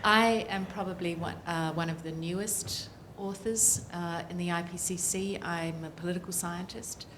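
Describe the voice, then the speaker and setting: A woman's voice: fairly low pitch, steady tone, moderate pace, few pauses, noisy background. A middle-aged woman with a New Zealand accent, speaking earnestly as a panelist and political scientist with frequent ums. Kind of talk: panel discussion remarks.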